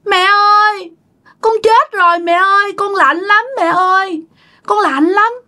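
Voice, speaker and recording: A woman's voice: measured pace, pushed and bright, full character voice. Woman doing a wailing drowned child ghost. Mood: pleading. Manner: high wailing child's voice, pleading. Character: drowned little boy ghost, cold, hungry, pleading.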